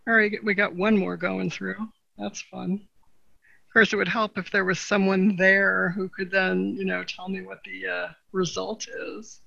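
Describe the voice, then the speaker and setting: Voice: medium pitch, flat delivery, unhurried, creaky, pushed and bright, no room sound, dull audio. A podcast co-host in a casual, rambling chat, with many "you know" fillers and frequent laughter.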